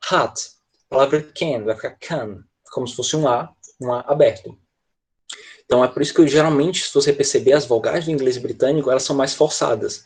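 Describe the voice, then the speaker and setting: Husky Brazilian man teaching an online class. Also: mid-range voice, darkish tone. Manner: explanatory, checks in with "né?" and "tá?". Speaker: English teacher.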